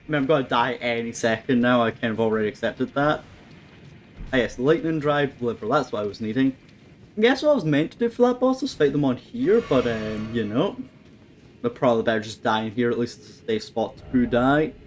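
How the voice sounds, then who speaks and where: A man giving casual let's-play commentary, thinking aloud and swearing at the game with wry humour. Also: medium pitch. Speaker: gameplay commentator. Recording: faint background noise.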